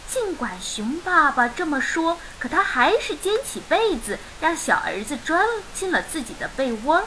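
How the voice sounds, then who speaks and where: Lively, bright woman reading a picture book. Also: a little high, a little hiss or hum, low-quality recording. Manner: expressive, animated storytelling. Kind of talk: storybook reading.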